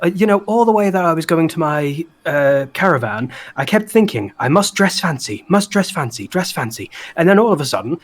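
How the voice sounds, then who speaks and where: A man voicing an excitable winged party host, booming, eager and rambling, in a tabletop game. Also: fairly quick, hardly any pauses. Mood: cheerful, rambling. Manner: rambling, enthusiastic, shouting over everyone.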